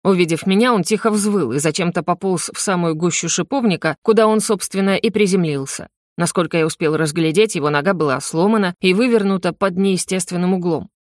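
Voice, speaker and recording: A woman's voice: on the low side, a little fast, few pauses, dry recording, clean studio sound. Woman narrating a storybook. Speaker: audiobook reader. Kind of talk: scripted narration.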